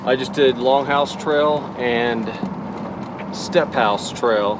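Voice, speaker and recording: A man's voice: medium pitch, slow, background noise. A man in his forties vlogging to a dashboard camera from inside his camper van, talking loosely and correcting himself as he goes. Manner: loose and rambling, self-correcting. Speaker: travel vlogger. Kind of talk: casual vlog to camera. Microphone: camera on the dashboard at arm's length.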